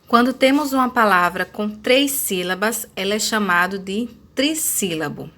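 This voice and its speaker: A woman teacher with a Brazilian accent giving a lesson, speaking slowly and spelling words out syllable by syllable. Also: medium pitch, expressive, bright, forceful tone. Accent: Brazilian Portuguese. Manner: slow, deliberate, spelling out syllables. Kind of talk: recorded classroom lesson.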